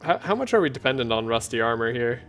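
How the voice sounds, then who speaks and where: A man streaming a card game, talking in a soft, relaxed, sleepy way with frequent chuckles. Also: mid-range voice, fast, faint music behind. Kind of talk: relaxed gameplay commentary.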